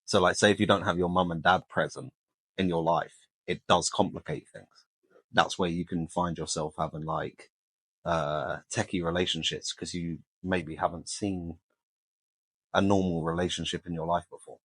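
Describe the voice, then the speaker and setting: A man's voice: sits low, level tone, moderate pace, a bit bright, slightly rough, dry recording. A man, talking casually and colloquially as a podcast co-host, giving his opinions.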